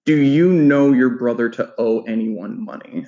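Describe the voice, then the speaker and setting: Methodical attorney questioning a witness. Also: male voice, medium pitch, a little slow, warm tone, dull audio. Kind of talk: courtroom questioning. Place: courtroom.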